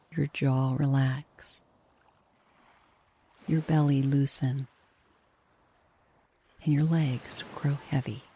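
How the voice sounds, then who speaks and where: Soft, breathy, and hushed, this woman's low voice gently soothes as she guides a sleep meditation. Her pace stays unhurried from start to finish.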